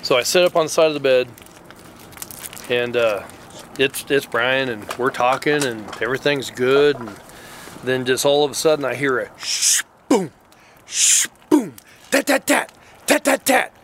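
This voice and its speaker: A middle-aged man, father of a Marine, telling an emotional story in a blunt, halting way and cursing freely. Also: mid-range voice, a bit bright, a little hiss or hum.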